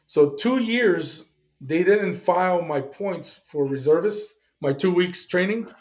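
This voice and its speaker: A man's voice: sits high, expressive, slow, a little mellow. A middle-aged man, a Navy veteran guest, telling his service story in a blunt, casual way, with swearing and acted-out dialogue.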